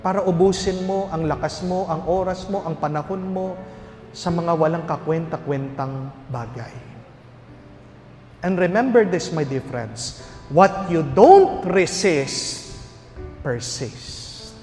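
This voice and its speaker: A man, a priest, giving a lively homily full of stories, jokes and rhetorical questions. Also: on the high side, a little slow. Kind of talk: homily with storytelling. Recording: reverberant hall with faint music.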